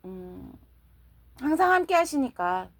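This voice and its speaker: A woman's voice: high-pitched, big pitch swings, slow pace, dry recording. A woman, a church deaconess, chatting through her personal faith testimony, laughing often and acting out her own prayers.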